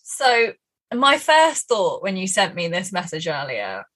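Bright-voiced woman rambling casually. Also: fairly low pitch, wildly swooping pitch, measured pace. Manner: rambling, lots of fillers, laughs mid-sentence. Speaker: podcast co-host. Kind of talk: casual chat.

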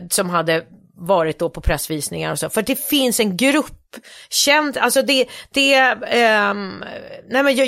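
A woman's voice: a little high, no echo, clean studio sound. A middle-aged woman co-hosting a podcast, chatting casually and rambling, with many fillers and restarts. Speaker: podcast co-host. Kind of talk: casual chat.

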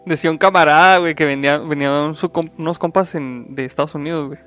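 Mexican man, a bit high-pitched, crude joker, faint music behind. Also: fairly even intonation, fast talker, a bit bright. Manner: joking, profane, laughs often. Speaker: podcast co-host. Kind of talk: casual podcast chat.

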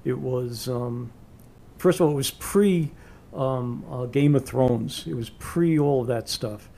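A man's voice: mid-range voice, takes it slowly, creaky, dark tone. A man with a New York accent interviewing a musician in a casual, rambling way, full of ums and restarts. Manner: rambling, many fillers and restarts.

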